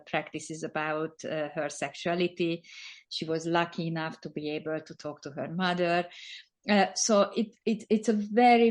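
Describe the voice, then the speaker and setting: A woman from Hungary hosting a podcast interview, asking questions in an earnest, halting way with fillers and restarts. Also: on the low side. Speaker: podcast host.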